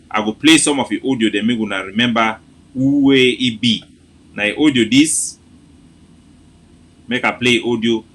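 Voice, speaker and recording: A Cameroonian man hosting an informal political briefing in Pidgin English, repeating himself in an animated, mocking manner. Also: medium pitch. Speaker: host.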